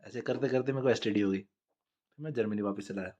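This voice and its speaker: A man's voice: fairly low pitch, fairly quick, warm tone. A man from India telling crude comic stories in a blunt, profane, conversational way. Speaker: storyteller. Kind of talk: crude comedic monologue.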